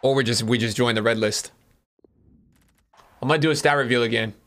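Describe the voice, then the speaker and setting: A man's voice: medium pitch, a little fast, fairly bright tone, a little hiss or hum. A young man, chatting casually on a game livestream in frat-bro slang, full of bro, dude and man. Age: young adult. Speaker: game streamer. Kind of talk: casual livestream chat while opening game packs. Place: small room indoors.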